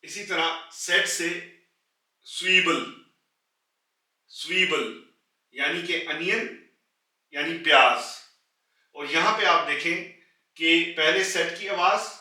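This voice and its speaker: Slow, bright-voiced male language teacher. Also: a little high, recorded from a distance. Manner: repeats each word slowly and carefully. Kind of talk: slow explanatory language lesson. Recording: echoey room, voice a little off-mic.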